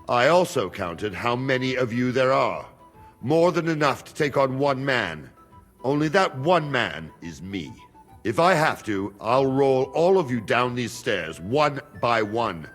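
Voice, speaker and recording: An actor playing a wary guard in a game, speaking calmly and quietly threatening. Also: male voice, mid-range voice, soft background music. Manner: calm, measured, quietly threatening. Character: wary Hungarian guard of a king, middle-aged man.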